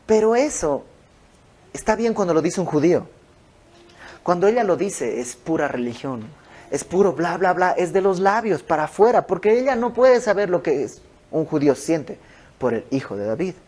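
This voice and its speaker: A man's voice: sits high, very animated, moderate pace, darkish tone. A man teaching an informal Bible study in a home, explaining verse by verse with conversational asides. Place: a private home.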